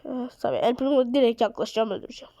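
A woman giving excited live commentary on a mobile game, her voice a little off from being ill, recorded on a phone mic. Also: on the high side, racing, muffled recording, a little hiss or hum. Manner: excitable, urges and scolds the game, drops to mutters. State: slightly ill voice. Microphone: phone mic via screen recorder.

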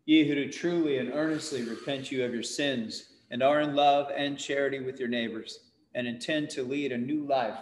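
A man giving a solemn, formal liturgical exhortation as a clergyman in an echoing church. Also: medium pitch. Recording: echoey church, background noise.

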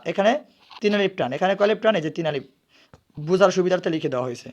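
In this recitation lesson, a man with a high, animated voice breaks words down letter by letter. He asks questions and supplies the answers himself before slowly chanting the words.

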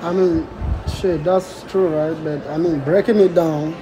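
A high-voiced man runs a casual street interview outdoors in the city. He asks cheeky questions in a teasing tone and laughs easily along with the people he stops. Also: fairly even intonation, a little slow, noisy background.

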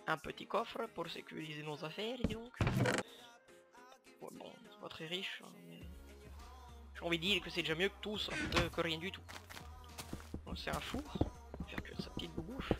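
A young man with a northern French accent casually commentating his gameplay, chatty and self-mocking, with sudden bursts of excitement. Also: a little high, normal speed, long pauses. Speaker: gamer commentating his play. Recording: home mic with loud game music behind.

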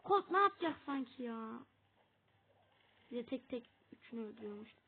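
A woman plays a game on stream and talks at a slow, drawn-out pace, scolding her teammates and chatting with viewers. Her voice sits a little high, with a gravelly fry in it. It comes through a thin, phone-like mic with faint noise behind it. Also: expressive. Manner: talks to the screen, shouts at teammates, chats with viewers. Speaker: gaming streamer. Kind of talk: casual gameplay commentary.

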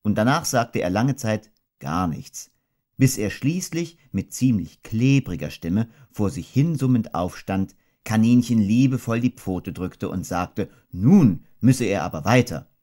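A man narrating a children's audiobook in a gentle, measured storytelling manner. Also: lowish voice, lively intonation. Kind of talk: scripted children's book narration.

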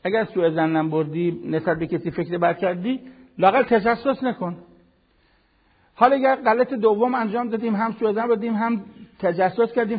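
An older man giving a televised religious lesson, preaching in an animated, conversational way with everyday examples. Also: high-pitched, slightly rough, big-room sound, lo-fi sound. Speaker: Quran teacher.

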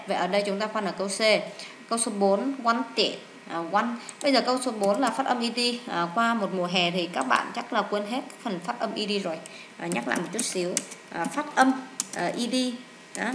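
A woman teaching English to students, walking through an exam in a chatty way, with lots of drawn-out fillers and repeated words. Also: medium pitch. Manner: addresses students warmly as "các bạn". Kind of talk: exam walkthrough lesson. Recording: echoey room with faint hiss.

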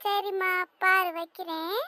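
A woman voicing a strict, scolding mother of two girls, stern and drawn-out. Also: very high voice, steady tone, heavy background noise. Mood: warm. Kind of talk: cartoon voice acting.

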